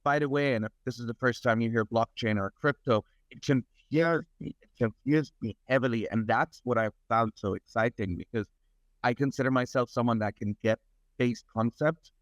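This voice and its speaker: A German technology advisor in middle age talks at normal speed with a medium-pitched voice during a conversational interview. Earnest and expansive, he keeps repeating words while constructing his sentences. There's no room sound, though the recording is dull and lo-fi.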